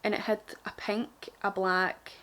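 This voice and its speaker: A woman's voice: mid-range voice, flat delivery, a little slow, sharp tone. A young woman with a broad, strong Glaswegian Scottish accent, chatting casually and self-deprecatingly to camera in an informal, rambling makeup tutorial. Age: young adult. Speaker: beauty vlogger.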